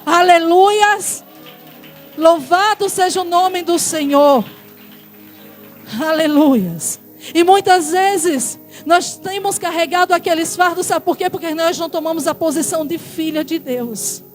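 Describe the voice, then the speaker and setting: A woman pastor with a Brazilian Portuguese accent preaching a sermon, swinging between loud exhortation and quiet asides. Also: very high voice, moderate pace, few pauses, faint music behind.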